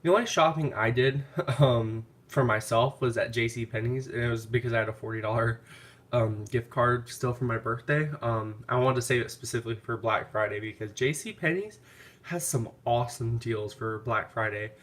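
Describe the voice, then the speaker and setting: Speaking at a normal speed, this male candle vlogger has a mid-range, slightly bright voice made stuffy and nasal by blocked sinuses. He chats through a home haul video in a loose, hesitant, rambling way, dropping plenty of ums.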